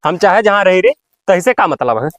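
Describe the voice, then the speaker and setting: A man's voice: high-pitched, animated, brisk, background noise. A man with an Awadhi accent playing an irritable villager who scolds and mocks in an amateur comedy sketch. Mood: irritated. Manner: scornful, scolding. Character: irritable, mocking villager who scorns the drunk.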